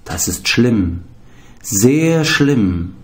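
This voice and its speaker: A man reading a storybook, voicing a dignified male swan messenger who murmurs gravely and frets. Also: medium pitch, big pitch swings, extremely slow. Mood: grave, worried. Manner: solemn, fretting murmur.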